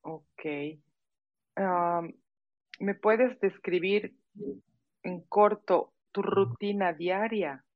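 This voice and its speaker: Slow-speaking Mexican woman interviewer on dull audio. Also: medium pitch. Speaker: interviewer, host. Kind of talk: slow conversational interview for learners.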